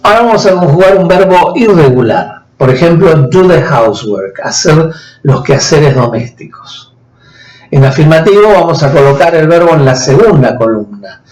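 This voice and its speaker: A man teaching a grammar lesson, explaining slowly and patiently in his native Spanish. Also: fairly high pitch, lively intonation, a little mellow. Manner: slow, patient explaining, switching between two languages. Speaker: English teacher. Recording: echoey room.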